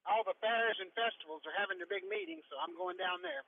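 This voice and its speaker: A man's voice: very high voice, big pitch swings, quick pace, creaky. A chatty magician and comedian on a call from his car, his voice muffled as if talking through a tube. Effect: muffled phone line, as if talking through a tube. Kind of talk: casual phone interview. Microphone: cell phone. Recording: tinny phone line with faint noise.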